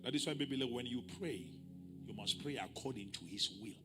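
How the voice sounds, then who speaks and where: A bishop preaching a sermon at a pulpit microphone, moving between calm teaching and loud, shouted climaxes. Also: male voice, mid-range voice, a little fast. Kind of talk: sermon, mixing English and Sesotho. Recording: music playing behind.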